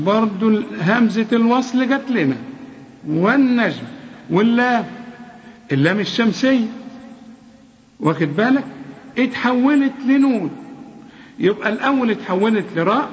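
High-voiced Egyptian man teaching Quran recitation. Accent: Egyptian Arabic. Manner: alternates slow melodic recitation with quick spoken correction. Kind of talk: tajweed lesson, reciting and explaining. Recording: dull lo-fi audio with long reverb.

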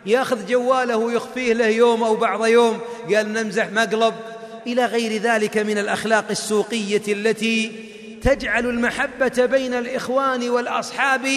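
A man's voice: very high voice, little pitch movement, brisk, fairly bright tone. A man preaching to young students, chanting verses melodically and quizzing the audience. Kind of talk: sermon with quiz for students. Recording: long hall reverb.

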